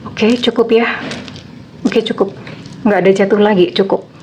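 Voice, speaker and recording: A woman's voice: mid-range voice, steady tone, normal speed, a little mellow, slight background noise. Middle-aged woman reading tarot for viewers, chatty, lots of fillers, acts out little quotes. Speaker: tarot reader.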